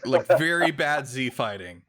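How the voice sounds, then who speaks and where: A man's voice: mid-range voice, lively intonation, a little slow, bright, forceful tone. A man running a tabletop game as dungeon master, giving dry, matter-of-fact rulings.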